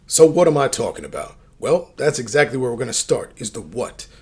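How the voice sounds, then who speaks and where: Speaking fairly quickly with big swings in his medium-pitched voice, a dating advice host addresses his viewers straight to camera. He sounds emphatic, slangy, and like a coach, with loud music playing behind him.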